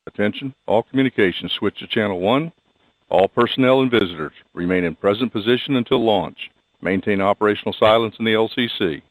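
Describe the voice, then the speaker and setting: Low-voiced man on a walkie-talkie net. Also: brisk, no echo, poor audio. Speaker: launch control announcer. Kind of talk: terse procedural callouts.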